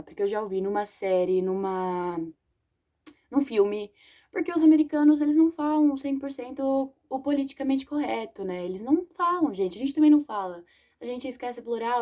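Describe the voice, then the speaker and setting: A woman's voice: fairly high pitch, mellow. Chatty young woman teaching English. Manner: chatty, slangy, self-correcting, reads English examples slowly. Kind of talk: casual video lesson.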